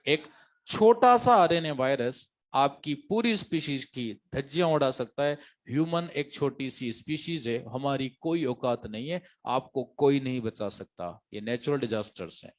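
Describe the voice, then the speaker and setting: A man's voice: mid-range voice, moderate pace. A man teaching biology to exam students, an emphatic lecturer who repeats key phrases and quizzes his class.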